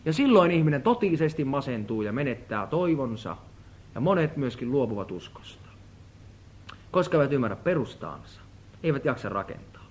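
A man preaching a sermon in a prayer house, swinging between soft, low stretches and louder emphatic ones, and acting out the voices in his stories. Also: sing-song. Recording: dull lo-fi recording.

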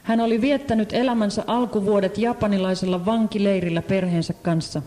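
Sermon interpreter, mellow tone, halting delivery, echoing hall. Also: mid-range voice, fairly even intonation. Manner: hesitant, many fillers and restarts. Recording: echoey hall.

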